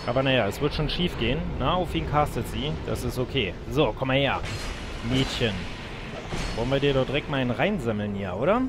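A man's voice: medium pitch, animated, a little fast, noisy background. A man giving casual, chatty commentary on a video game, addressing his viewers as friends. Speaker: let's player. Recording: music behind the voice. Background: game music.

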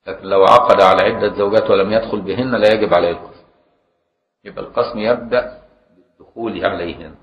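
A man with an Egyptian accent, a religious scholar teaching a classical law text, explaining in a colloquial way and asking rhetorical questions. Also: on the low side. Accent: Egyptian Arabic. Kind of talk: classroom lecture on Islamic law. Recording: roomy, dull lo-fi lecture recording.

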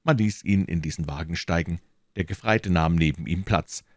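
A man reading a classic novel aloud as an audiobook, with expressive narration. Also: sits low, moderate pace, no room sound, clean studio sound. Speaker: audiobook reader.

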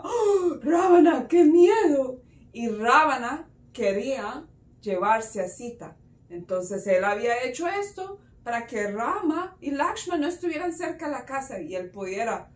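A woman telling a story to children in an expressive, animated way, speaking directly to her listeners. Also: fairly high pitch. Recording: roomy echo, distant mic.

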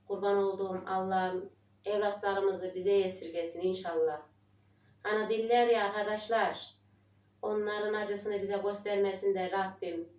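With a medium-pitched, darkish voice, a woman in her forties who vlogs about village life speaks emotionally to her audience. She sounds tearful and prayerful, her voice trembling as she quotes others in a casual chat. The audio is roomy, and she's recorded from a distance.

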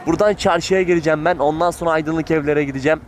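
With music playing behind him, a man from Turkey vlogs while riding his motorcycle through town, speaking fast in a fairly high, steady voice. His helmet-muffled chatter is casual and meandering, full of self-interruptions, and the road and engine sounds come through plainly.

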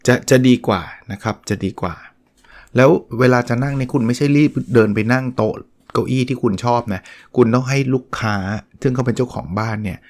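A middle-aged man hosts a solo show and talks casually through a book he is reviewing. His speech is conversational, full of small restarts and polite sentence endings, at an average pitch for a man. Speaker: podcast host reviewing a book.

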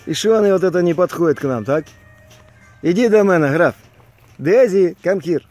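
A man's voice: sits high, expressive, brisk, darkish tone, faint music behind. A man with a Ukrainian accent giving casual, teasing home-video commentary, repeating himself, drawling exclamations and tacking on questions. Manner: repetitive, drawling exclamations with frequent tag questions. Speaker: man filming and commenting on a backyard gathering. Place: outdoors in a grassy backyard. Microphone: handheld phone camera, behind it.

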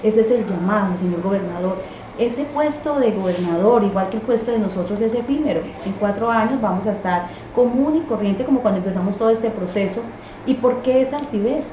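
A woman's voice: mid-range voice, fairly quick, lo-fi sound. A woman, a regional deputy answering interview questions emphatically and indignantly, in a small office. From Quindío, Colombia. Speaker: departmental assembly deputy. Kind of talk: interview answers, political criticism. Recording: roomy office with clear noise.

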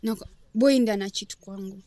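Kenyan-accented young woman, mid-pitched, dry sound, offhand slangy chat, slightly hesitant. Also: fairly quick, dark tone, dry recording. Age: 20s. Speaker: interview guest. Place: outdoors beside a car and hedge.

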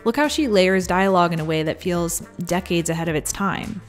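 A woman hosting a scripted video essay, talking it through conversationally with wry asides. Her voice sits low for a woman, and soft music plays underneath. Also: a little fast. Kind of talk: scripted narration.

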